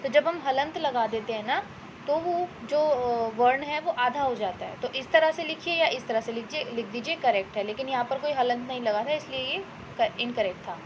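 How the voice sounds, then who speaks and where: Patient high-voiced woman teaching children. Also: dull audio, noisy background. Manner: patient, explains step by step with many "ठीक है" checks; slows down to dictate example sentences. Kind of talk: Hindi worksheet lesson for children.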